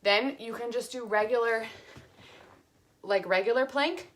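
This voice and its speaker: A woman's voice: on the high side, unhurried, fairly bright tone. A young woman instructor casually talking through core exercises while doing them, slightly out of breath, with lots of fillers. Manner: chatty, many fillers, counts aloud while demonstrating. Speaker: fitness instructor.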